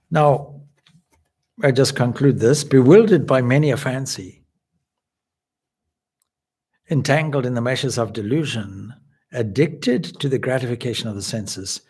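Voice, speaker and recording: A man from Zimbabwe, a swami, giving a measured, explanatory spiritual lecture. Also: medium pitch, a little mellow, slightly rough. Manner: measured, explanatory, with occasional restarts.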